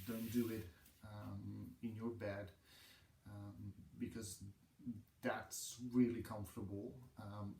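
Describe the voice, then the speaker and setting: Low, slow Dutch-accented man, echoey room. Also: vocal fry, a little mellow, distant mic, slight background noise. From Netherlands. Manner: hesitant, many ums. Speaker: yoga teacher. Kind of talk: casual talk to camera. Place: room with a wooden floor.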